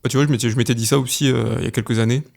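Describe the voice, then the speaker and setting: A young man co-hosting a podcast in casual chat, quick and self-mocking, laughing often as he plays a word game. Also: mid-range voice, steady tone, gravelly, darkish tone. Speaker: podcast co-host.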